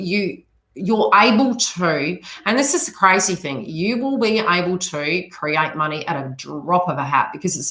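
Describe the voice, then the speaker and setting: Her low-leaning voice has a sharp tone and a slight New Zealand accent as she hosts a live psychic reading, offering spiritual advice. She chats and rambles with asides to viewers, and the recording sounds roomy and echoey.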